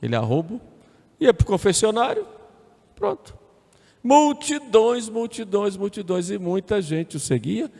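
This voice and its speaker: A priest preaches his homily in a fairly high, gravelly voice. He talks to the congregation conversationally, with tag questions and repeated phrases. The sound rings with the long reverb of a church. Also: sing-song, moderate pace, darkish tone. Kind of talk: sermon.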